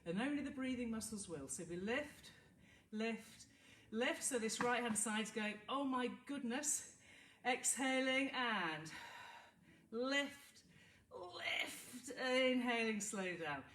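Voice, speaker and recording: Guiding a Pilates class with a British English accent, this woman counts reps and cues moves as she demonstrates, her voice stuffy from hay fever. She speaks slowly and expressively in a fairly bright, rather high voice, far from the mic in an echoey room with a faint hiss.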